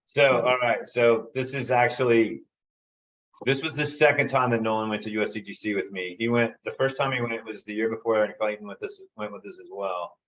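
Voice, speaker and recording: A man's voice: lowish voice, a little fast. A man, telling a long casual story and acting out the lines of the people in it. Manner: animated, acts out quoted dialogue. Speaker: guest storyteller. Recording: slightly dull lo-fi audio.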